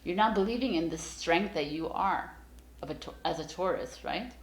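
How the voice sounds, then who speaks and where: A tarot reader speaks directly to her viewers in a casual, encouraging reading, rambling along with many fillers and restarts. Her voice is lowish and animated at a normal speed, and the sound is roomy.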